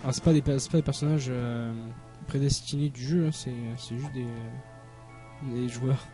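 A man's voice: mid-range voice, fairly even intonation, warm tone. Man muttering gameplay commentary over music. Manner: halting, thinking aloud, muttering to himself. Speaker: gamer, let's play host. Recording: game music behind voice. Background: video game music.

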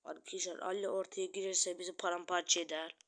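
A woman giving excited live gameplay commentary as a channel host, talking to her viewers and yelling taunts at opponents. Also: fairly low pitch, fast talker.

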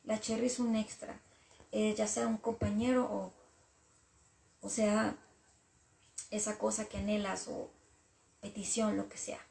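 A woman's voice: mid-range voice, flat delivery, unhurried, gravelly, long pauses, a little mellow, roomy sound. A woman talking earnestly and casually about her faith and her frustrations with God, repeating her points.

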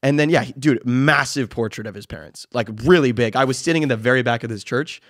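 A young man chats fast and loose into a studio boom mic, piling on fillers and slang as he tells a story. His voice sits in the middle of the range, and the booth sounds dry and close. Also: dry recording. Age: young adult. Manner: animated storyteller, slangy, quick with many fillers. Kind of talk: casual conversation. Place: dark podcast studio. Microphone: studio boom mic with headphones.

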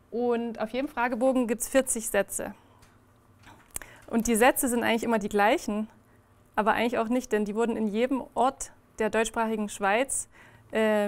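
Before a small indoor audience, a young woman talks through her projects in a slightly high voice. Her delivery is halting, with frequent fillers and restarts, and the sound comes from a room mic set at a distance.

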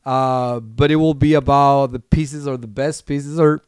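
A man co-hosting a casual collectibles chat show, talking in halting starts, repeating words and laughing easily. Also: mid-range voice, steady tone, darkish tone, clean tone, dry recording, clean studio sound. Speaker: podcast co-host.

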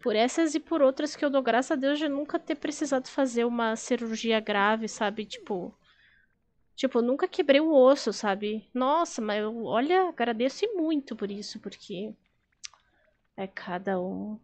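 A woman's voice: fairly high pitch, lively intonation, moderate pace, a little mellow. A woman streaming a life-sim game, chatting casually, reading out chat and laughing often.

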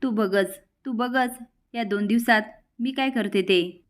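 A woman's voice: fairly high pitch, slow pace. A woman voicing a scheming, jealous young wife who speaks with scorn and open threats. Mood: scornful.

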